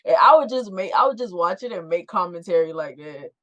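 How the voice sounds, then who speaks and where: A woman's voice: on the low side, expressive, a little fast, a bit bright, no echo, highs cut off. A woman in her thirties, a podcast co-host, chatting casually and making wry, laughing commentary. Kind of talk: casual chat.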